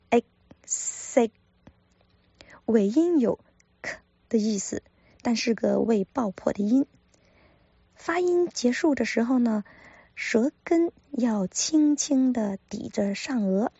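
A woman teaching pronunciation in a careful manner, repeating each sound slowly for practice. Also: on the high side, mellow, slightly rough, no room sound, highs cut off. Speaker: language teacher. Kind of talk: pronunciation lesson.

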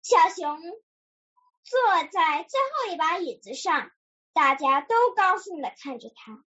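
A woman reading a children's story aloud in a slow, expressive way. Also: high voice, highs cut off.

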